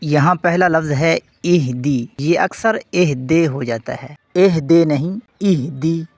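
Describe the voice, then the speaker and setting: A man teaching tajweed, pointing out common mispronunciations and then reciting each word slowly and carefully. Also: fairly high pitch, no echo. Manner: corrects common mistakes, then recites words slowly and drawn out. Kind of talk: tajweed lesson, explaining and demonstrating recitation.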